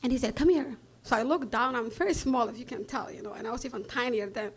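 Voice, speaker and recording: A Somali woman with a Somali accent tells a personal story on stage, blunt and animated, laughing often between lines. Her voice is a little high with a breathy edge, and she talks fast.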